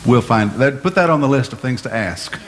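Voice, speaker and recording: A male pastor giving a measured, explanatory Bible-teaching sermon, asking his listeners questions as he goes. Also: medium pitch, lively intonation. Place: church sanctuary. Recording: long hall reverb, faint room noise.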